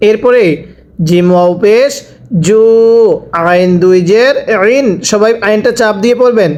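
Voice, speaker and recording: A male teacher leads a slow recitation lesson, naming each letter and its vowel mark before drilling the word again and again. His voice sits high and comes across smooth and clean. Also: a little mellow. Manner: spells letters and vowel marks, then repeats each word slowly for learners. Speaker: Quran reading teacher.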